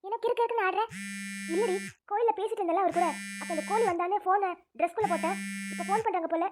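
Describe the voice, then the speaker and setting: Very high, fussing cartoon women. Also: female voice, very fast, noisy background. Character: nurse, camp teachers and schoolgirls. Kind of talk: cartoon drama dialogue.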